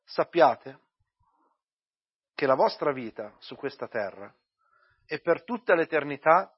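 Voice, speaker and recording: A man preaching a church sermon, praying with many pauses and repeated addresses, then reading and explaining scripture. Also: on the high side, very animated, breathy edge, muffled recording. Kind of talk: sermon with prayer and Bible reading.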